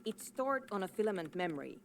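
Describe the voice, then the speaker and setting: An actress playing a proud, exasperated programmer in a video game, curt, insistent and defensive. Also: female voice, medium pitch, sing-song, quick pace, gravelly, a little hiss or hum. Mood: guarded, brusque. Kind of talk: scripted video game dialogue.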